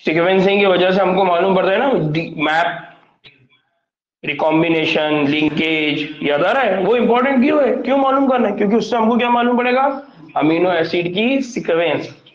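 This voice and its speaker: A man's voice: high-pitched, moderate pace. A male biology teacher lecturing a classroom, constantly asking his students questions as he explains. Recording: echoey, dull classroom recording.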